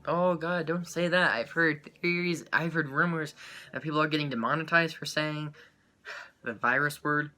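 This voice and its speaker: Rambling, bright-voiced young man. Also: on the high side. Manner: rambling and excitable, with many fillers and quick laughs. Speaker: YouTuber. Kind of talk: casual chat to camera.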